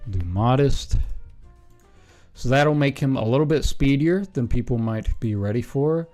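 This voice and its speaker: A relaxed male streamer in a mid-range voice muses aloud, pausing on ums and correcting himself as he goes. His talk is casual and unscripted. Faint music plays underneath. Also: mid-range voice. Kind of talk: casual stream commentary while building a team.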